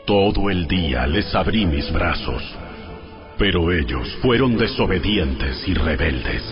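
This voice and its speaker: An actor playing a commanding, solemn God in a booming, declamatory biblical dramatization. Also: male voice, animated, slow. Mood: grieved reproach. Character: God, commanding male voice rebuking his people. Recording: dull sound under prominent music. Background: music.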